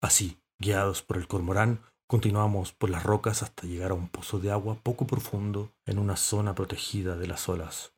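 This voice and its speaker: A man narrating a children's story in an expressive, calm way. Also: fairly low pitch, moderate pace, few pauses, slightly rough.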